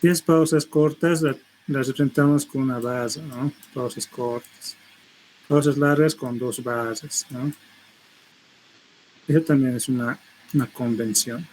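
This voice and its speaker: A man's voice: fairly high pitch, a little mellow, a little hiss or hum, low-quality recording. A middle-aged man teaching a university seminar, explaining step by step and tagging his phrases with a questioning "no?". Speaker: linguistics lecturer.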